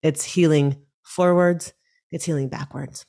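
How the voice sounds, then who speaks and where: A woman breathwork teacher speaking as a podcast guest, talking in a measured, reflective way. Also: sits low, steady tone, creaky, dark tone. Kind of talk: podcast interview.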